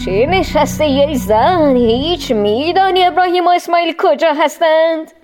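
A woman's voice: high voice, a little mellow, faint music behind, voice pushed up, lightly acted. A woman voicing a scheming, mocking male devil in a storybook reading, drawn out and taunting. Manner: taunting, drawn-out, with sneering laughs.

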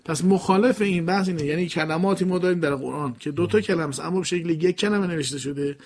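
Man, somewhat high voice, inquisitive, recitation lesson, slow chanted examples.

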